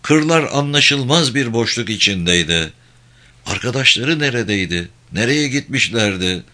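A man narrating a war novel as an audiobook in a measured, steady way. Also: medium pitch.

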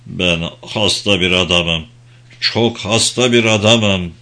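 A man's voice: deep voice, steady tone, a little slow, bright, forceful tone. A man reading the part of a stricken, frightened sea captain in an audiobook, weak and fearful.

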